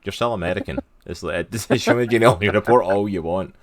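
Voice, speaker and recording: A man's voice: sits low, quick pace, no echo. A man co-hosting a casual comic podcast, upbeat and greeting chat viewers by name. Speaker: podcast co-host.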